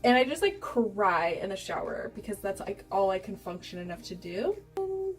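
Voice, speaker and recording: Brief: young adult American woman, candid casual vlogger storyteller, middle-pitched, recorded at a distance with music behind. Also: sing-song, normal speed. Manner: candid, giggly, swearing freely, acts out quoted dialogue. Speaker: beauty vlogger.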